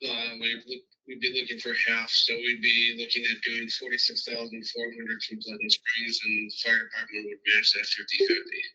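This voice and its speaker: A man, a fire chief, heard on speakerphone and reporting to a committee meeting, halting with frequent ums and restarts. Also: mid-range voice, monotone, sharp tone, highs cut off. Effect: heard over a phone on speakerphone. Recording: distant speakerphone sound in a meeting room.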